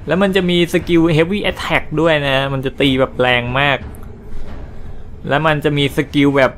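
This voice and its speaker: A man casually commentating a video game he plays, explaining and translating the story and reacting excitedly to fights. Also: fairly high pitch, measured pace, slight background noise. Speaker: gaming channel host. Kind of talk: casual let's-play commentary.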